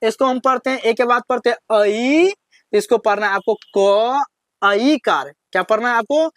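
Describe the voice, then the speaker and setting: A woman teacher, giving a step-by-step lesson for children. She quizzes the listener and then drawls out each syllable slowly. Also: on the high side, no room sound.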